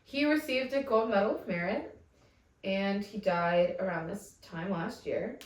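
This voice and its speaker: A woman's voice: medium pitch, measured pace. Dry-witted woman guest, roomy sound. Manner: dry, short reactions and matter-of-fact reading. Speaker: comedian guest. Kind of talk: casual comedic chat. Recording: roomy, distant mic.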